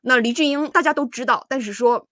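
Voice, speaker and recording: Woman, livestream commentator, highish voice, dry close sound, chatty, lots of fillers. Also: fairly quick, a bit bright, no room sound. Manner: chatty, many fillers and restarts, scolding asides. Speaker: political commentary host.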